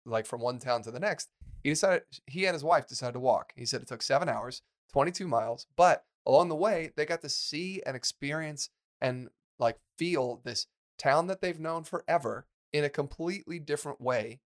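A man's voice: a little high, moderate pace. A man co-hosting a podcast, chatting casually and rambling, with many fillers and restarts. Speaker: podcast co-host.

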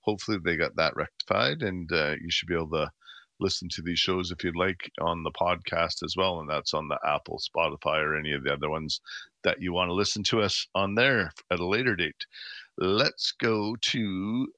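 Man, middle-aged, lowish bright voice, folksy radio host, casual rambling advice, dry close studio sound. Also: a little fast, dry recording. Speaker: radio gardening phone-in host. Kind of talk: casual live call-in advice. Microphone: close studio microphone.

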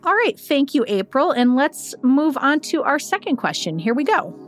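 A woman co-hosting an advice podcast, chatting casually, agreeing often and thinking out loud. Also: high-pitched, sing-song, normal speed, faint music behind. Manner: supportive, frequent "yeah", thinks aloud. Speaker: podcast co-host. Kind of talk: casual chat.

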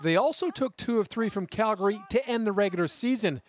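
A man's voice: sits high, lively intonation, a little fast. A man narrating a scripted TV sports report.

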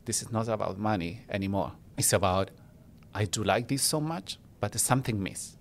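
A man from Chile, a native Spanish speaker with a Chilean accent, chatting warmly as a podcast guest and making small grammar slips. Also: fairly low pitch, expressive, fairly quick, creaky. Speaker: guest, international student. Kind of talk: casual personal storytelling.

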